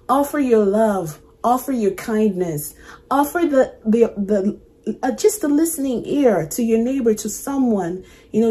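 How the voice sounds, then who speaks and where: A woman hosting a music reaction video, talking in an earnest, reflective way with halting restarts, emotional and choked up. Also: mid-range voice, mellow. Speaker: music reaction channel host. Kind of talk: casual reaction commentary.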